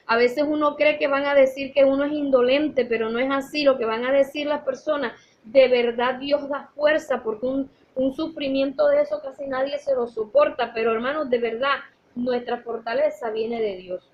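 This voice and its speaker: High-voiced woman teaching Sunday school. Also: steady tone, moderate pace, lo-fi sound. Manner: earnest, storytelling, addresses listeners as brothers. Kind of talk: church teaching. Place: church.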